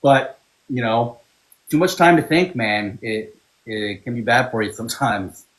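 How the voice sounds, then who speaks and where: A man with a middle-pitched voice speaks in a relaxed, candid way on a podcast. He drifts through his thoughts and keeps checking in with the others. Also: unhurried, rough recording. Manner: laid-back, candid, leans on "you know what I mean". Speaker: podcast co-host. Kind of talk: casual chat.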